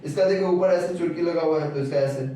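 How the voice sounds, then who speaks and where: A man teaching a grammar lesson, explaining patiently and repeating key terms, slowing down to spell out each sound. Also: fairly high pitch, mellow. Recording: very echoey room, voice from far off.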